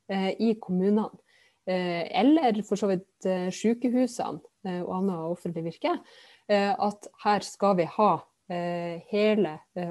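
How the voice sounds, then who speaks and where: A woman politician answering questions in a casual interview over a video call, pausing often with filler sounds. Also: medium pitch, dark tone, no room sound, studio quality. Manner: hesitant, many filler sounds. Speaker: politician, podcast guest.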